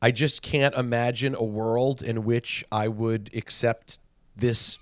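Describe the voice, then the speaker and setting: A man co-hosting a podcast, playful and argumentative in casual chat, who slips into telling little stories. His pitch sits in the middle range. The sound is dry and close. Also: fairly even intonation, slow, dry recording. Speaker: podcast co-host.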